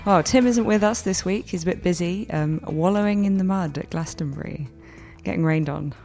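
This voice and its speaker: Female podcast presenter, lowish and a bit gravelly, slightly tired, conversational magazine delivery. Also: normal speed, darkish tone, faint music behind. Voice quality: somewhat gravelly. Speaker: podcast host.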